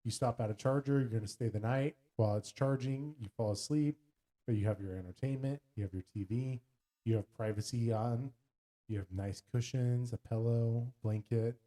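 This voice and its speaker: A man's voice: medium pitch, moderate pace. A man co-hosting a podcast in casual, playful chat, putting on voices when he quotes things. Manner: playful, jokey, animated when quoting. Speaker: podcast co-host.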